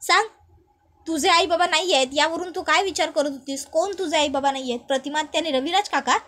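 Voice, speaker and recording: A woman voicing a young husband who presses his wife with earnest questions, in a high voice. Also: fast, bright, forceful tone. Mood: alarmed.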